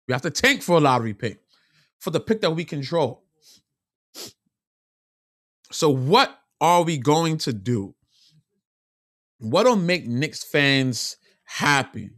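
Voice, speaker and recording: Frustrated and animated, this sports vlogger's voice sits on the high side as he rants opinionatedly to camera and keeps repeating himself for emphasis. It's studio quality, with no room sound.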